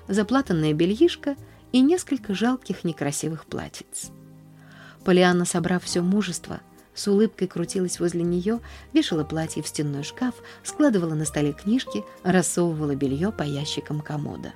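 A woman reads a children's storybook aloud, gentle and expressive, with a mellow, soft-edged tone. Faint music plays beneath her narration. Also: on the low side, normal speed. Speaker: audiobook reader.

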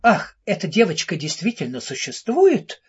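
A man's voice: high-pitched, huge pitch swings, normal speed, breathy edge, muffled recording, exaggerated voice. A man voicing an effusive female publicist hungry for sensation, in an audiobook. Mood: gushing. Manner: effusive, showy.

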